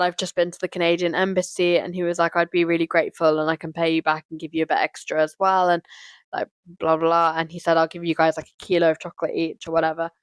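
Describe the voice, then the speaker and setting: A woman's voice: fairly low pitch, no room sound, clean studio sound. Chatty young woman telling a story. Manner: chatty, lots of "like" and "you know" fillers. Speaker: host of a live community session. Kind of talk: casual storytelling to a live audience.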